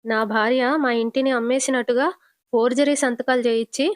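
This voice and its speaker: A woman's voice: a little high, fairly even intonation, normal speed, no echo, clean studio sound, close to an everyday voice. A woman voicing an angry young husband who threatens a cheat and keeps demanding the truth. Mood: furious. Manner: threatening, shouting, repeating demands.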